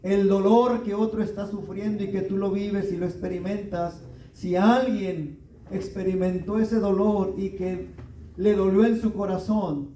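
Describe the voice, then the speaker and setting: High-voiced, slow, emphatic male preacher. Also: mellow, echoey room, far from the mic, dull audio, a little hiss or hum. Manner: preaching with rising emphasis and rhetorical questions. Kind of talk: sermon. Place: church.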